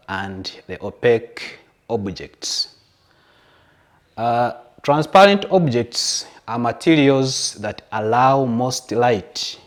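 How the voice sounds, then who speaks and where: A man with a Ugandan English accent teaching a science lesson to pupils at home, explaining patiently with everyday examples. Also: mid-range voice. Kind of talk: televised classroom lesson.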